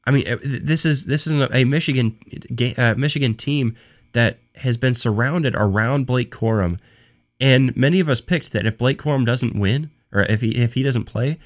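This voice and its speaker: With a cold making him hoarse and costing him his voice, a young podcast host talks sports solo at a medium pitch. His speech comes in fits and starts, with many restarts and repeated words.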